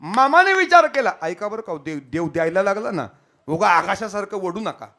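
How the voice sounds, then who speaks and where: A man preaching a devotional kirtan sermon. He tells stories and speaks straight to his listeners, moving between quiet asides and loud exclamations. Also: big pitch swings, moderate pace. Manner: storytelling, swings between soft asides and loud high exclamations; addresses the audience directly.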